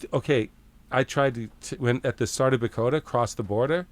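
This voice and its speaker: A middle-aged Canadian man telling a story as a podcast guest, casual and animated, swearing freely and acting out the back-and-forth. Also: mid-range voice, brisk. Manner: animated, swears freely, acts out quoted exchanges.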